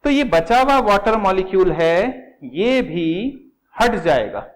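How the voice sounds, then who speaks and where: A man's voice: high-pitched, rough recording. A middle-aged man teaching chemistry. He explains step by step, repeats key words and calls his students "beta". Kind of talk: classroom lecture at a whiteboard.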